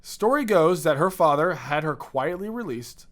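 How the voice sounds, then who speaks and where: A young man with a slightly high voice tells history stories on a podcast. He talks in a relaxed, chatty way, stumbling and restarting as he reads. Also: moderate pace. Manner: storytelling, chatty, with restarts and laughs. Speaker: podcast co-host. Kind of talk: casual history chat.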